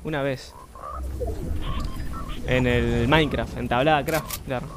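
A young man with an Argentine accent, chatting and swearing freely while streaming a game, now and then bursting into shouts. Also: medium pitch, steady tone, takes it slowly, a little hiss or hum. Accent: Argentine Spanish. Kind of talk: live game commentary.

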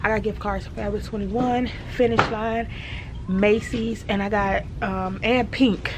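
Speaking in a mid-range, fairly even voice at an unhurried pace, a mother and family vlogger chats casually into her handheld compact camera over a noisy background. She's laid-back and slangy and laughs often.

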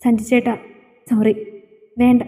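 A woman's voice: on the high side, flat delivery, unhurried, mellow. A woman voicing a frightened, tearful young wife in a storybook reading, defensive and pleading. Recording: long hall reverb.

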